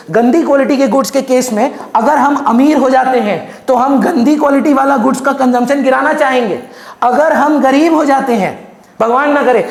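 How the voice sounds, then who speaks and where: A man giving a fast exam revision lecture on economics, emphatic and repeating key terms, switching English terms into his speech. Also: extremely high pitch. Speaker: economics teacher. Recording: echoey room.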